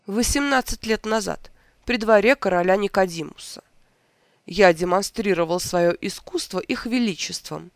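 A reader voicing an old, sentimental court wizard in a storybook tale, speaking gently with a gravelly edge. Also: medium pitch, no room sound, clean studio sound, close to an everyday voice.

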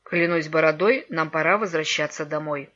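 A woman's voice: low voice, moderate pace, fairly bright tone. Woman doing a kindly old wizard grandfather. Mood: solemn. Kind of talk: storybook reading. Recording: dull lo-fi recording.

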